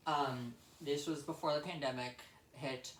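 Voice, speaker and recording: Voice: mid-range voice, fairly even intonation, measured pace, slight background noise. A young adult vlogger talks in a casual, rambling storytelling style, recorded in an echoey room. The delivery is blunt and emphatic, circling back to repeat points and swearing freely.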